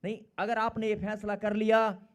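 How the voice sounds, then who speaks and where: A middle-aged man preaching a sermon, emphatic and repetitive, swinging between loud calls and quiet asides. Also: sits high, completely flat delivery, normal speed.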